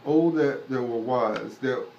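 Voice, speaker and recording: A man reads Bible verses aloud in a slow, even manner. He sounds far from the microphone, muffled and dull in an echoey room. A faint background hiss runs under him. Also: mid-range voice. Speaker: scripture reader.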